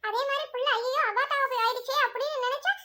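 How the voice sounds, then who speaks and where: Brief: gushing cartoon girlfriend, shrill and quick, voiced by a woman. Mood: excited. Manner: excited, gushing. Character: excitable devout female friend, chatty.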